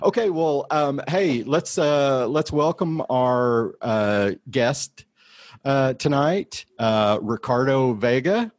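A man's voice: medium pitch, lively intonation, slow pace, no room sound. A man hosting a casual podcast, rambling a little and restarting his sentences. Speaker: podcast host.

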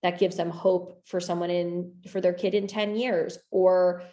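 A woman's voice: fairly low pitch, level tone, measured pace, mellow, echoey room. A young adult woman talking casually and enthusiastically about making her film, rambling with lots of fillers. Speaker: filmmaker discussing her film. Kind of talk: casual conversation.

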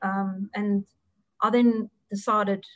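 This interview guest is an audit partner: a middle-aged woman from South Africa whose first language is Afrikaans and who has a South African accent. She speaks slowly and flatly at medium pitch, her voice a bit bright in a dry recording, stumbling through answers with frequent ums and restarts.

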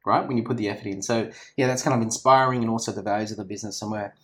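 An Australian company founder chats energetically in a casual office interview, rambling with lots of restarts and fillers. His voice is fairly low and fairly bright, with fairly even intonation and rapid-fire speech.

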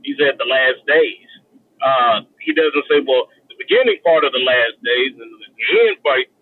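A man's voice: medium pitch, moderate pace, no echo. A man in a casual group Bible discussion, heard through a staticky, CB-radio-like line from a car, pressing his point with repeated questions. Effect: staticky, CB-radio-like sound. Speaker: discussion participant. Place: in a moving car. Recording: tinny, phone-like line from a car.

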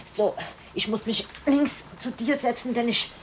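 A woman's voice: a little high, measured pace, close to an everyday voice. Woman as a chatty, prying old woman, rambling and soothing, noisy recording. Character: chatty old woman, half-deaf, nosy.

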